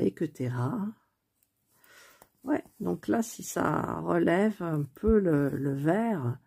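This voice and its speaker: A woman with a low, husky voice talks her way through a cross-stitch session at home. She speaks quietly and unhurriedly, thinking aloud into a phone propped on a stand in front of her. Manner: chatty, thinking aloud while working; speaks softly near the phone. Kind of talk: casual craft tutorial chat.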